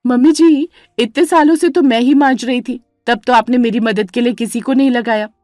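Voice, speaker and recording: A woman playing a shrill bossy elder daughter-in-law. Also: fairly even intonation, normal speed, no echo, studio quality, natural voice. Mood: shrill, indignant. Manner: shrill, loud and complaining. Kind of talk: dramatized storybook narration.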